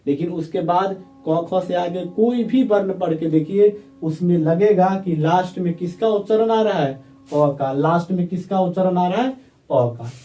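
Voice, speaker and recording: A man's voice: sits high, a little slow, mellow, recorded from a distance. A male teacher, giving a grammar lesson and drilling his students by asking questions and answering them himself. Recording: echoey room, voice from off-mic.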